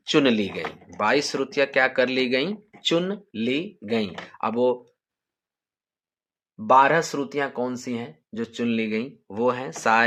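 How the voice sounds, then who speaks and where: Guy teaching harmonium lesson, explains step by step, repeats everything, harmonium in the background. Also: medium pitch. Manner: explains step by step, repeating each point and checking in with "ठीक है"; sings sargam syllables louder as examples. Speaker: music teacher. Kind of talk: harmonium tutorial.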